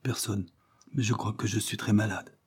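A man reading aloud voices a sickly, pensive little boy, lifting his voice high for the child. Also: fairly even intonation, a little fast, warm tone, husky.

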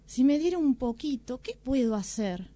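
A woman's voice: expressive, normal speed, no echo. A woman voicing a sly, crafty male fox in a storybook tale, speaking in a wheedling way in a radio studio. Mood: scheming. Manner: wheedling, crafty, turns to high panicked shouts. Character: sly cunning male fox, scheming trickster.

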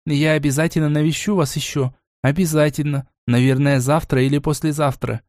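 A headstrong young noblewoman speaks with earnest force, as a man puts her on for a fantasy audiobook. Her voice sits raised and bright. The sound is dry and close. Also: a little high, steady tone, a little fast, dry recording, lightly acted. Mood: apologetic. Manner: earnest, accusing when angry.

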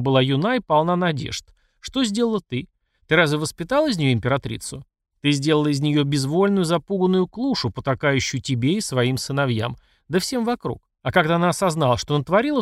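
A man's voice: a little high, no room sound, studio quality. A man voicing a furious middle-aged emperor who scolds and accuses his mother. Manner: angry and accusing.

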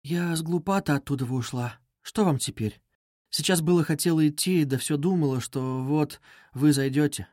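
A man's voice: on the high side, normal speed, a little mellow, no room sound, voice pushed up, natural voice. A man voicing a timid, anxious young woman who pleads in a pained tone, read as an audiobook in a dry studio. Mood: pleading. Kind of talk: audiobook reading.

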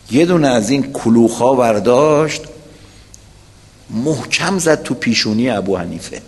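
Speaking to a weekly congregation, a man delivers a religious lecture built around a story, turning to his listeners with rhetorical questions. His mid-range voice carries a big-room sound.

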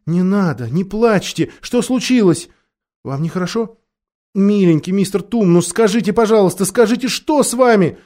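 A man's voice: high voice, expressive, moderate pace, dark tone, pitched above the performer's own voice. Man voicing an anxious, caring young girl. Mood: worried. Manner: anxious, coaxing and insistent. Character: kind earnest young girl, worried and caring. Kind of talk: audiobook character voice.

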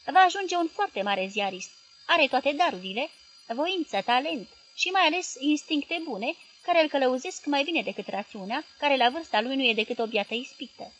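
A woman's voice: high-pitched, expressive, fairly bright tone, soft background music, voice pushed up, rough recording. A woman reading the part of a young man who speaks earnestly and reproachfully.

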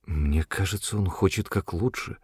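A man's voice: deep voice, normal speed, darkish tone, husky, no echo, clean studio sound. A man voicing a brave young girl who speaks earnestly and sticks up for her friend.

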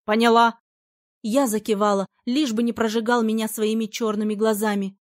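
A woman narrating a first-person fantasy novel in a lively, expressive way. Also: a little high, brisk, no echo, studio quality. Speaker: audiobook narrator.

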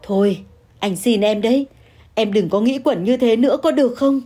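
A woman's voice: on the high side, normal speed, mellow, slightly rough. A woman voicing an older husband who talks in a hesitant, flustered way. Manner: hesitant, stammering.

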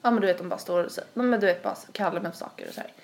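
A woman's voice: on the low side, vocal fry. A young woman tells a long story in casual podcast chat. She rambles, stacks fillers and acts out quotes as she goes. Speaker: podcast host.

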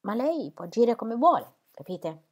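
A woman's voice: a little high, big pitch swings, measured pace, a little mellow, pitched above the performer's own voice, exaggerated voice. A woman voicing fussy rambling Mr Brooke. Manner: rambling, keeps adding "you know". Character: fussy rambling older gentleman. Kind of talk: audiobook character reading.

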